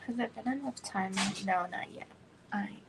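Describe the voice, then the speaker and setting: A woman's voice: fairly high pitch, moderate pace, gravelly, background noise. A woman in her thirties chatting casually on a home livestream, rambling with many "like" fillers and slipping into whispers. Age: 30s. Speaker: livestream host. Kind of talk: casual chat.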